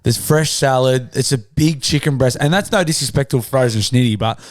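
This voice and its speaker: A man's voice: medium pitch, a little fast, dry recording, studio quality. An Australian man chatting casually as a podcast host, blunt and sweary with plenty of slang.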